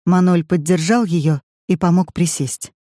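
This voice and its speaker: An audiobook reader narrating a family drama in measured, even storytelling. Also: mid-range voice, dry recording, clean studio sound. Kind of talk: scripted narration.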